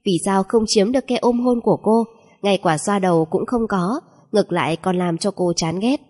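A woman narrating a romance novel aloud in a steady, even storytelling manner. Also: medium pitch, normal speed, breathy edge.

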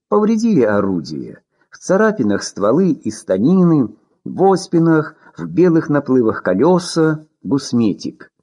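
A man reading war prose aloud as an audiobook narrator, in an expressive storytelling manner. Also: medium pitch, husky.

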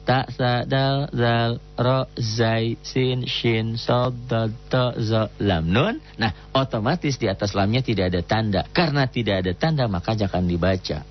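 A man teaching the rules of Quran recitation in a patient lesson, stopping to chant examples slowly and melodically. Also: medium pitch, dull audio. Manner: explains rules patiently, breaks into slow melodic recitation of Arabic.

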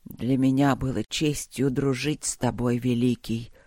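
A frail old emperor lies dying in a storybook battle, voiced by a man. His voice sinks low and slow into a breathy whisper. He stays tender and resigned, and the recording is dry and close. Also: no echo. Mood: weak, tender.

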